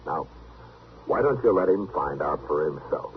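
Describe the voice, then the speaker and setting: An actor playing a calm, fair-minded American frontier marshal, measured and authoritative, in old radio western style. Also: male voice, extremely low pitch, narrow, tinny audio. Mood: reasoning, placating. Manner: measured, reasonable, mediating. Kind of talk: 1950s radio western acting. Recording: band-limited, noisy old radio recording.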